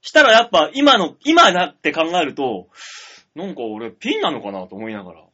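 A man from the Tokyo area hosting a radio talk show, trading rough, teasing jokes with his co-host in casual comedic banter. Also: fairly high pitch, sing-song, fairly quick, sharp tone, muffled recording.

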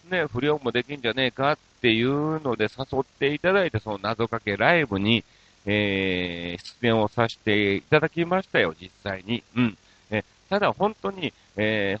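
Mixing Kansai dialect into standard Tokyo speech, a man hosting a radio show reads listener mail and trades playful, self-mocking jokes in a casual tone. His voice is mid-range and a bit bright, captured with no room sound on dull-sounding audio.

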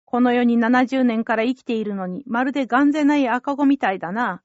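A woman voicing a gruff, fatherly old fisherman who talks low and quietly in a rustic way. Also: fairly quick, dry recording, muffled recording, close to an everyday voice. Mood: soothing. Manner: low, subdued country talk.

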